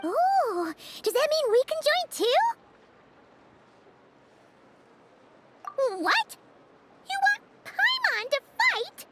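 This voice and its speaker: Squeaky, very high-pitched childlike game companion. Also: female voice, wildly swooping pitch, slow, very noisy, exaggerated voice. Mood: excited. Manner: exclamatory, refers to self in third person. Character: small, childlike floating companion, excitable, boastful, cheeky. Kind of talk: video game character voice acting. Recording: game music behind voice.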